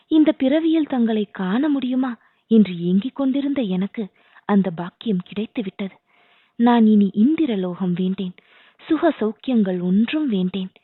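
A woman's voice: medium pitch, slightly rough, no echo. A woman reading the part of a devoted young dancer, pleading with heartfelt, devotional feeling. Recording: dry, tinny phone-like sound.

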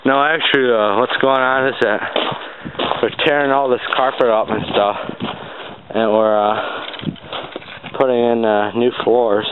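A man's voice: medium pitch, fairly even intonation, a little slow. Rambling young man on a tinny camera. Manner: rambling with many uh fillers. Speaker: vlogger. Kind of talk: casual handheld vlog. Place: outdoors by a boat and on a lake. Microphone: camera held at arm's length. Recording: tinny lo-fi camera mic with loud noise.

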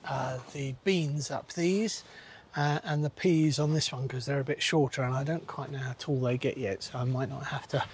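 A man's voice: mid-range voice, fairly even intonation, normal speed, breathy edge. A man talking casually while he works his allotment plot, thinking aloud with plenty of fillers. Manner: chatty, easygoing, thinks aloud with many fillers. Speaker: allotment gardener, channel host. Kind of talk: casual narration while gardening.

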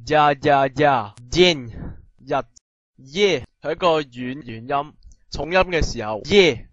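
A man teaching a pronunciation lesson, explaining briskly and then drilling sounds slowly and loudly. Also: medium pitch, dry recording, dull audio. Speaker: language teacher.

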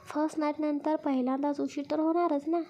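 Woman voicing caring mother-in-law, middle-aged, high voice, blessing, mildly scolding, storybook. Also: little pitch movement, brisk, warm tone, muffled recording. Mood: affectionate.

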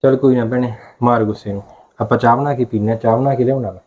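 A man's voice: mid-range voice, steady tone, fast, a little mellow, breathy edge, dull audio, lightly acted. A man playing a stern husband who scolds his wife and comforts his sister. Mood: soothing. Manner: stern, reproachful. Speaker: husband and brother.

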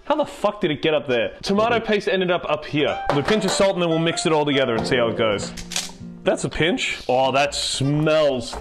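Young Aussie male cook-host, giggly drunk, rambling and sweary, lively higher-pitched delivery over background music. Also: normal speed. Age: young adult. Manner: sweary, exclamatory. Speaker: host of a comedy cooking video. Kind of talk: casual chat to camera while cooking. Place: home kitchen. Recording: music playing behind the voice.

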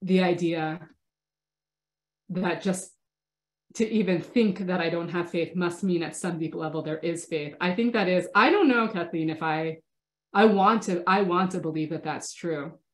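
Teaching from her home study, a woman rabbi in her thirties gives a casual online lecture, responding to questions from the chat on a laptop webcam call. Her voice sits on the low side and her pace is measured, and a cold leaves her sniffly. She is thoughtful and warm with participants, with frequent hesitant restarts, and the audio sounds roomy.

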